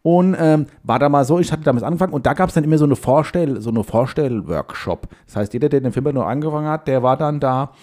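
A podcast co-host in his forties tells a long, casual story, rambling and halting with plenty of fillers and restarts. His voice is on the high side with a darkish tone.

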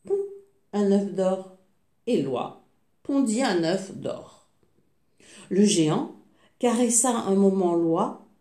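A woman reading a fairy tale aloud, slowly and expressively, with small slips. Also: mid-range voice, warm tone. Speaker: storyteller. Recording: echoey room.

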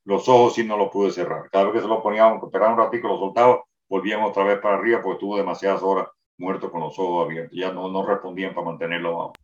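An older man recounts a memory in rapid, detailed first-person testimony, often restarting his phrases. His voice sits a bit low and reaches the listener from a distance. The room around him is roomy and the sound is dull. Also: steady tone. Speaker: interviewee recounting a wartime memory.

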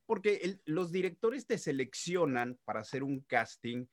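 A middle-aged man, a voice actor telling stories in an interview, animated and full of sound-effect interjections. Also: fairly high pitch, normal speed, dry recording, studio quality. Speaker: voice actor guest. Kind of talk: casual interview storytelling.

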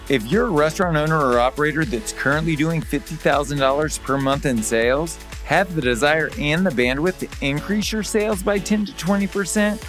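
A man's voice: a little high, a bit bright. A man hosting a hospitality industry podcast, delivering scripted intros and direct questions in a punchy, rhetorical style. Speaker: podcast host.

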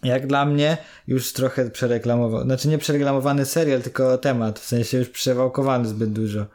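A man co-hosting a loose, casual podcast. He argues heatedly with his partner and swears freely. His voice sits at a middle pitch. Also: steady tone, brisk, darkish tone. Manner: heated, swears, then laughs. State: irritated. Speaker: podcast co-host.

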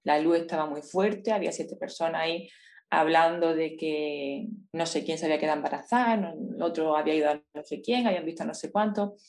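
A woman's voice: low-pitched, brisk, a little mellow. A woman with a Spain Spanish accent, a guest in a conversation, telling her personal story with intensity and emotion. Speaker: interview guest.

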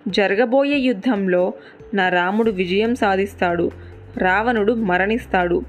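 A woman's voice: mid-range voice, a little slow, soft background music, lightly acted. A woman narrator voicing a grieving captive queen, devoted and resolute, in a sorrowful yet firm way.

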